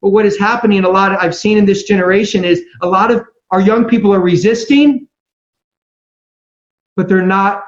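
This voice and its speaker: Earnest preacher at a pulpit microphone, high voice. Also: male voice. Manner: earnest, emphatic, slows down for scripture. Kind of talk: sermon. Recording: roomy, slightly dull mic sound.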